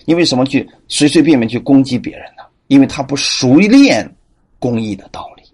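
Male pastor, sermon teaching, husky tone, animated pitch, acts out quotes. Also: a little fast. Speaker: preacher.

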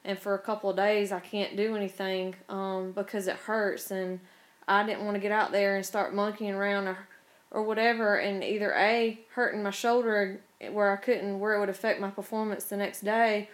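A woman's voice: mid-range voice, flat delivery, moderate pace. A woman with a Southern US accent, chatting casually as a guest in an informal, down-to-earth way. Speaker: podcast guest, obstacle racer. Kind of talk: casual chat.

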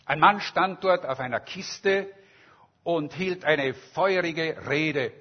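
Male preacher, sermon storytelling, very slow, emphatic, husky, dull lo-fi recording. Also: on the high side. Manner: slow, emphatic, dramatic retelling.

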